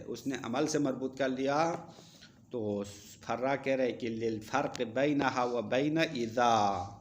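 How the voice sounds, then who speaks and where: A man's voice: mid-range voice, fairly bright tone, slight background noise. A male seminary teacher gives a classroom lecture. He reads Arabic text aloud, explains each line, and asks the students questions.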